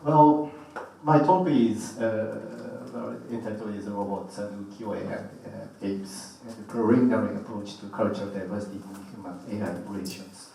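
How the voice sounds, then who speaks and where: A man from Japan with a Japanese accent, a native Japanese speaker giving an academic lecture in halting, broken non-native phrasing. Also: lowish voice, vocal fry, dark tone. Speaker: professor giving a guest lecture. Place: large echoey indoor lecture room. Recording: very echoey hall, distant mic, faint noise.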